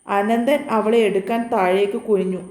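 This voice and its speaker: Mellow woman narrating a serial story. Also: mid-range voice, steady tone, moderate pace, roomy sound.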